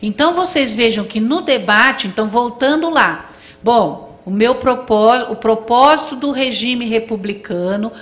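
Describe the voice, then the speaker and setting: A woman lecturing to a class with a bright, forward voice pitched a little high. She builds her explanation step by step, pausing to ask her listeners whether they follow. Her delivery is steady and instructive. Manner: explains step by step, checks in with the audience often.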